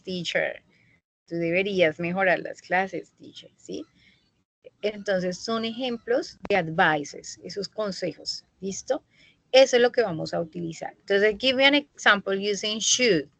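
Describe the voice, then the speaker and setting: A woman's voice: medium pitch, unhurried, a bit bright, dry recording, poor audio. A woman teaching an English grammar lesson in an online class, explaining patiently and checking in often with her students. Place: online meeting recording.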